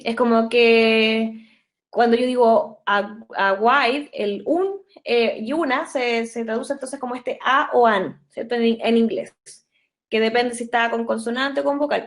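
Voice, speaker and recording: Chilean lady teaching english on a video call, high voice, patient, keeps checking in with students. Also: a little slow. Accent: Chilean Spanish. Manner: patient, explanatory, frequent checks for understanding. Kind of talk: online class explanation.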